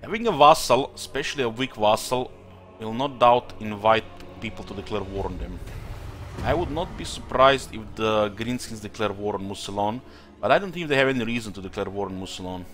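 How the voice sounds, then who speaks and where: A streamer from Croatia, speaking English with a Croatian-influenced accent, comments live on a strategy game he's playing, thinking aloud with lots of fillers. His voice is fairly low in pitch and fairly bright, and he talks fairly quickly.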